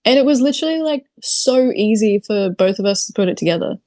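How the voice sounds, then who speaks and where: Speaking fast and animated in a warm, medium-pitched voice, this New Zealand video creator is a casual podcast interview guest who keeps saying "like" and "literally." The recording is dry.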